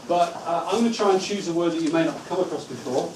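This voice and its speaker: A man training teaching assistants in a school room. He gives steady instructions and stretches words out syllable by syllable. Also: on the high side, fast talker. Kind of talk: training workshop talk. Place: school room with a live audience. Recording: echoey room from far off, noisy.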